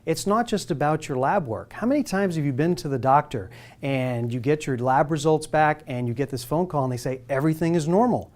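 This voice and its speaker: A man in his forties talks with lively, persuasive energy, his voice sitting a little high. He keeps asking the listener direct questions as he presents a health talk. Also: brisk. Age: 40s.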